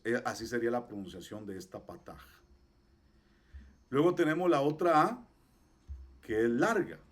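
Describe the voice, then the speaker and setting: A man teaching a class, patiently explaining pronunciation and repeating each example slowly. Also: medium pitch. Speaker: Hebrew teacher. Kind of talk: online class.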